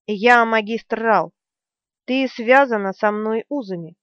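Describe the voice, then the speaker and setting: A woman reading the part of a stubborn, calm young male hero in an audiobook, steady and earnest. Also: a little high, takes it slowly, no echo. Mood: earnest resolve. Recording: dry, slightly dull studio sound.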